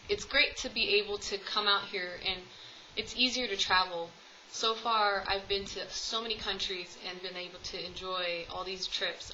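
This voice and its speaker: This vlogger, an American woman in her twenties, chats casually for a tag video in a room at home with her cats, rambling and full of ums. She has a fairly low, pushed, bright voice, and the dull audio carries slight background noise.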